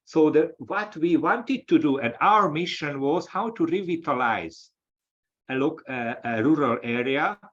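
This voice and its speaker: A man from Hungary with a Hungarian accent, an associate professor giving a lecture-style webinar talk, speaking haltingly with many restarts over a video call. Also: on the high side, animated, a bit bright. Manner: halting, with frequent restarts and fillers. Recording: dull, lo-fi audio.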